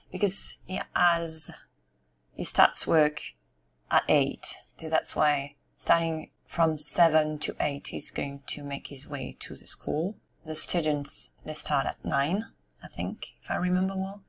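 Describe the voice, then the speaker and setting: A woman narrates a video game in a low, hoarse voice that is partly giving out. She takes her time, speaking slowly and casually, musing aloud as she plays. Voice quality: somewhat hoarse. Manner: unhurried, musing aloud to herself. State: losing her voice. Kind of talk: casual let's-play commentary.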